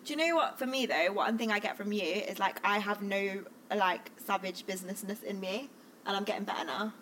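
A woman's voice: medium pitch, a little fast, a bit bright, poor audio. A woman co-hosts a podcast in loose, chatty conversation. She leans on "like" constantly. Her voice sits mid-range, with a faint room hum behind her. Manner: chatty, fills speech with "like". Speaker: podcast co-host. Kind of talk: casual chat.

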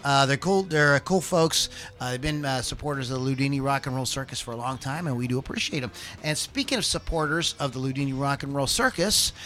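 This podcast host has a mid-range male voice with a sharp tone. He chats casually over background music, informal and rambling, often poking fun at himself.

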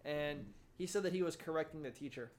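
A man's voice: a little high, fairly quick. A young man telling rambling, self-deprecating stories on a casual podcast. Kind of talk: casual storytelling.

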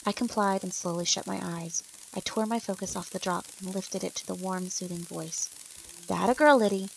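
A woman's voice: on the low side, little pitch movement, moderate pace, creaky, a little hiss or hum, rough recording. A woman reading a first-person story aloud and speaking the characters' lines in nearly her own voice. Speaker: narrator.

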